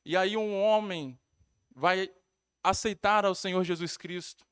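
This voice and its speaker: A man's voice: high voice, measured pace, fairly bright tone, smooth, dry recording, clean studio sound. A male pastor with a Brazilian Portuguese accent, preaching a sermon in a storytelling way, repeating phrases and adding tag questions.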